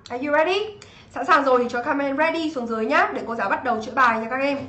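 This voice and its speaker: Young woman, Vietnamese, English teacher, livestream lesson, high bright voice, echoey room. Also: a little hiss or hum. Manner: energetic, keeps asking students "right?". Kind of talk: livestream exam review lesson.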